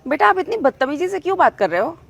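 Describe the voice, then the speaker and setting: A woman's voice: sits high, sing-song, fast talker, creaky, full character voice. A woman playing a polite middle-aged mother who patiently asks a stranger for help in a short acted skit. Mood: pleading.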